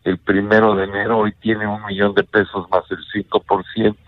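Speaking over phone-quality sound, an older bank executive with a Mexican Spanish accent shares measured investment tips during a radio interview. His lowish voice is flat, and he tends to finish points with a questioning tag.

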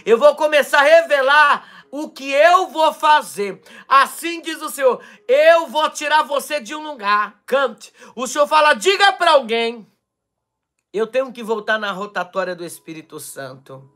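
A Brazilian pastor preaching a charismatic live-stream sermon with prophecy, fervent and shouting, then dropping to quiet asides, his throat strained from shouting. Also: extremely high pitch, expressive, measured pace. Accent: Brazilian Portuguese. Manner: fervent, shouting, swings between loud cries and quiet asides.

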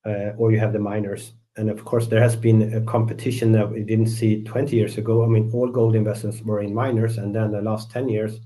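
A middle-aged man from Sweden, a fund manager guest, answering interview questions in a measured way and often repeating words as he searches for phrasing. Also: fairly low pitch, flat delivery, mellow, slight background noise.

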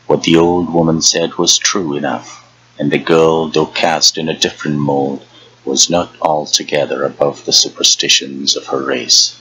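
A man narrating a storybook chapter in a measured, deliberate way. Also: rumbling low, little pitch movement, bright, forceful tone, slight background noise, rough recording. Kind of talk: storybook reading.

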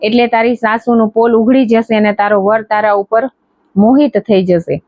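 A woman voicing a kindly goddess mother in a devotional storybook tale, speaking slowly and soothingly. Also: on the high side, steady tone, a little mellow, no room sound, close to an everyday voice. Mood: reassuring.

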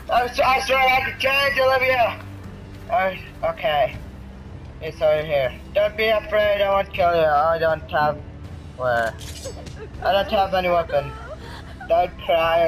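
Crude, excitable young man gaming. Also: sits high, measured pace, faint music behind, rough recording. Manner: crude, joking and excitable, swears a lot; talks back to game characters. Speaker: gaming video host. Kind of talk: let's play commentary.

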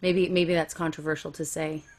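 A woman's voice: low-pitched, flat delivery, normal speed, darkish tone. Frank, self-mocking woman comedian. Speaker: comedian guest. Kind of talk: candid conversational storytelling.

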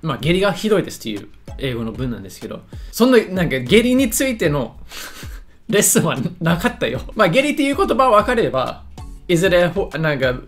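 Man, casual reaction commentary, self-mocking, trips over words, lively swinging pitch, faint music behind. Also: quick pace. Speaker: YouTuber reacting to a lesson video.

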